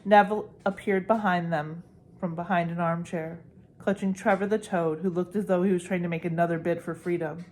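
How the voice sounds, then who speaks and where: A woman narrating a children's novel aloud in a steady, expressive read-aloud style. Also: lowish voice, a little fast.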